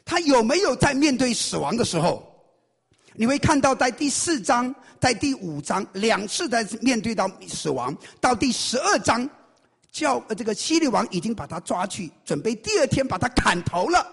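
A man preaching a sermon with a high, gravelly, husky voice. His pitch leaps all over as he tells the story and quizzes the congregation. The sound has a long reverb tail from a big hall. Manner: quizzes the congregation with rapid questions; animated storytelling.

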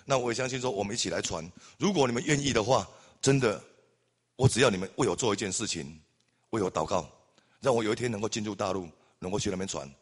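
Guy preaching in a church, fired up, keeps shouting amen. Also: fairly low pitch, fast talker, breathy edge. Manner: impassioned, building to loud exclamations with repeated amens. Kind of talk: sermon.

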